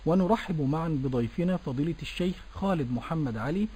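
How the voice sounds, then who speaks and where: A man's voice: on the high side, expressive, fairly quick, warm tone, a little hiss or hum. A man hosting a Quran recitation program, speaking formally and repeating words after his guest. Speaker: radio program host. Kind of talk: formal broadcast presenting.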